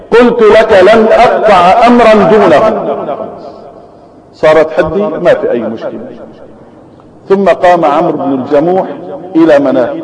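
Preacher in an echoey hall. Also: male voice, high voice. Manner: reads aloud, then comments in colloquial speech. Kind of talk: religious lesson, reading a story with commentary.

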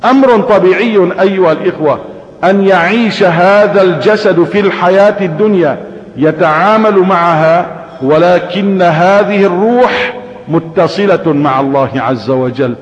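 A man's voice: high-pitched, normal speed, lo-fi sound. A man preaching a sermon with a Syrian Arabic accent, telling stories animatedly and asking rhetorical questions. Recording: echoey hall reverb.

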